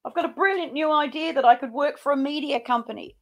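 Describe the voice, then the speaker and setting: A woman's voice: high-pitched, fast, a bit bright. A woman giving sarcastic reaction commentary, with a mocking, scolding way of talking. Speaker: host of a reaction show.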